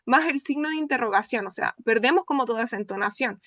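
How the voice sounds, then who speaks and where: A young woman with a Chilean accent lectures in an open class, her voice set high. She explains things step by step and often stops to check that her listeners follow. The sound is dry and close. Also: lively intonation, fast talker, fairly bright tone, no room sound. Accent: Chilean Spanish. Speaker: lecturer presenting her research. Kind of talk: academic talk in an open class.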